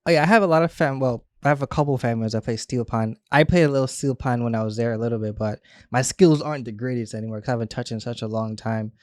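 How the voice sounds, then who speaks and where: A young man raised between Trinidad and Florida chats casually as a podcast guest, a stylist who laughs often and tells relaxed stories with restarts. His mid-range voice runs fast with few pauses, recorded clean in a studio with no echo.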